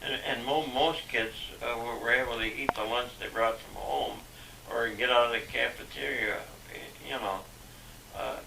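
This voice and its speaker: An older man, a father, reminiscing haltingly with many fillers and restarts, on an old VHS home video recording. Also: medium pitch, fairly even intonation, gravelly. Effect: old VHS home video sound. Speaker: father being interviewed. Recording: echoey, distant, hissy VHS tape.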